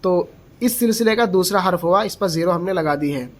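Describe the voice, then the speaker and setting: A Quran reading teacher with a mid-range voice leads a slow, step-by-step pronunciation lesson. Patiently, he explains where each letter is formed and models its sound aloud several times. He checks in with the learner through short questions.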